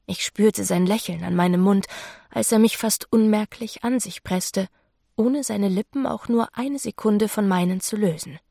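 A woman narrating a novel in the first person, in a measured, intimate reading. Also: medium pitch, vocal fry, warm tone, no room sound, studio quality. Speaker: audiobook narrator.

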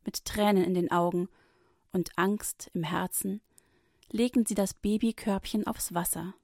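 A woman reading a Bible story for children, gently and expressively. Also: mid-range voice, fairly even intonation, measured pace, creaky, no room sound, clean studio sound.

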